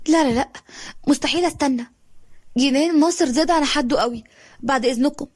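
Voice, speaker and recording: A woman voicing a wronged young woman who grieves and speaks bitterly in Egyptian Arabic, her voice rising high in anguish. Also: fast, no echo, studio quality, lightly acted. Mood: shocked, distraught.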